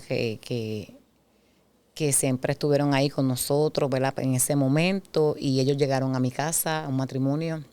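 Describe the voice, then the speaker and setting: A middle-aged woman with an extremely low, clean-toned voice speaks as a guest sharing her testimony. As she narrates, she vividly reenacts the conversations she once had.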